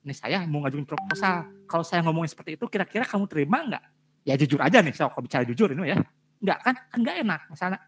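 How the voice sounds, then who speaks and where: Fast-talking male lecturer giving feedback. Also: sits high, fairly bright tone, breathy edge. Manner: direct, repetitive emphasis with frequent fillers. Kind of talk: giving feedback on student presentations.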